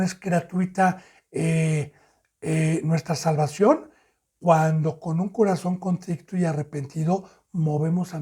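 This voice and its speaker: A man's voice: high voice, mellow. A man with a Mexican Spanish accent, preaching a sermon as pastor and acting out the lines of the parable's characters.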